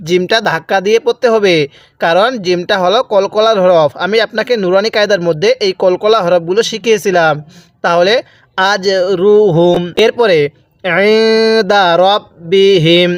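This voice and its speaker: Man, Bangladeshi accent, Quran reading teacher, drawn-out recitation, fairly high pitch, dry close sound. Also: no echo. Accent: Bangladeshi Bengali. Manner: drawn-out recited words between quick explanations. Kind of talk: slow spelled-out Quran reading lesson.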